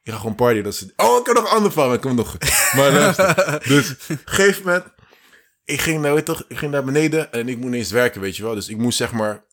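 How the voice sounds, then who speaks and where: A man's voice: mid-range voice, animated, quick pace, fairly bright tone. A man casually telling stories on a podcast, full of slang and English phrases, acting out other people's voices. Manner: slangy, mixes English phrases into his talk; fills with "weet je wel" and "zeg maar". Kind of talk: casual storytelling chat.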